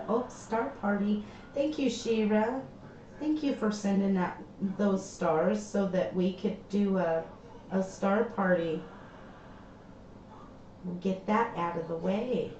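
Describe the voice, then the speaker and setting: A woman hosts a casual livestream from her craft room, chatting slowly and letting sentences trail off. Her medium-pitched, slightly mellow voice sounds hollow and tinny, as if inside a tin can. The lo-fi stream audio is echoey and dull, with faint background noise.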